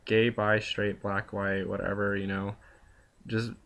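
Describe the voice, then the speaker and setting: A young man speaks straight to his viewers in an unscripted confessional vlog. His voice sits a little low and has a gravelly, fry-laden edge. He rambles through his thoughts with constant fillers, earnest and at times bluntly profane. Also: flat delivery, unhurried, fairly bright tone. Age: young adult. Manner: rambling, full of "like" and "you know". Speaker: vlogger. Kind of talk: casual confessional monologue.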